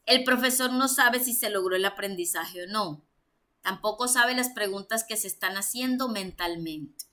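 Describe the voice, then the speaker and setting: Colombian woman giving a church class, bright voice, reads a point then explains it, lots of "eh". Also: mid-range voice. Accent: Colombian Spanish. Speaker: teacher. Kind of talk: church teacher's lecture.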